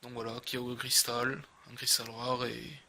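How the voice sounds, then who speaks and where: This is a man with a marked bright, forward voice and a southern French accent. There is a rough, husky grain to it. He talks casually to viewers as he unboxes, halting and doubling back on his words. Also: mid-range voice, monotone. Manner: hesitant, halting, often repeating words. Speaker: host of a card unboxing video.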